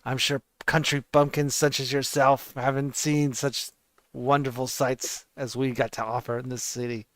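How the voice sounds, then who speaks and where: A man doing a raspy sneering city thug. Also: mid-range voice, little pitch movement, moderate pace, a bit bright, dry recording, lightly acted. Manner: mocking, condescending.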